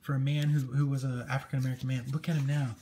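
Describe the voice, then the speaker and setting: Racing along in a mellow, mid-range voice with little pitch movement, a man hosts a casual comic book review, enthusiastic and conversational as he goes page by page. He is the show's host, and the recording is clearly noisy and amateur, with room ambience.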